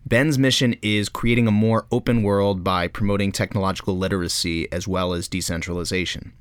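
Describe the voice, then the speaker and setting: A male podcast host with a lowish voice delivers a composed, scripted opening, then moves into easy, friendly questions. The sound is close and dry, with no room in it. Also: steady tone, fairly quick, smooth, no echo. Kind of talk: scripted intro, then interview chat.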